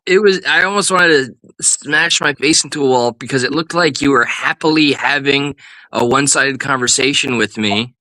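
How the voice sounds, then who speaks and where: A man with a bright, ringing voice keeps up improvised joking banter on a live stream. He slides into mock-serious speeches and fake outrage for laughs. The sound is close and dry. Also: mid-range voice, normal speed, dry recording. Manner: goofy mock-serious riffing, playful put-on outrage.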